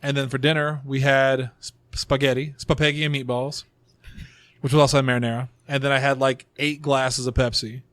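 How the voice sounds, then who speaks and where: Around a table in a small room, a man hosts a casual group podcast, rambling and making self-deprecating jokes as his voice gives out. He speaks a little fast with a flat delivery at medium pitch, a bit bright, in a dry recording.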